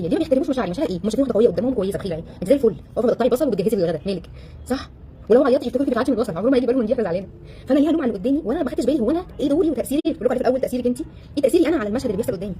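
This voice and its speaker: A woman with an Egyptian Arabic accent talks to a live audience at a breakneck pace in a slightly high, mellow voice. She is an animated relationship coach who fires off rhetorical questions and slips into the voices of the people she quotes. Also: slight background noise. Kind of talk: casual talk to a live audience.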